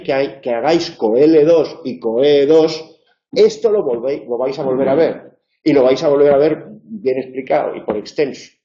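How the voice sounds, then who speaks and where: A man's voice: medium pitch, warm tone. Guy lecturing in a classroom, chatty and wry, lots of ums, dull lo-fi roomy sound. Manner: chatty, wry asides, many fillers and restarts. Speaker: university lecturer. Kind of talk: informal tutoring lecture.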